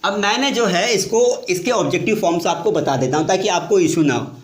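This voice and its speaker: A lively man teaches English grammar at a whiteboard, quizzing his students as he goes. His voice sits high, and the bare classroom gives it a noticeable echo. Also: a little fast. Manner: lively, questioning students often. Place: classroom with board. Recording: echoey room.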